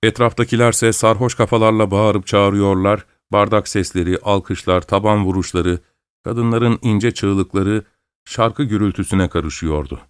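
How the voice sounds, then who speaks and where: A man narrating an audiobook story in a steady, expressive reading voice. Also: on the low side, unhurried, clean tone, dry recording, studio quality. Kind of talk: scripted narration.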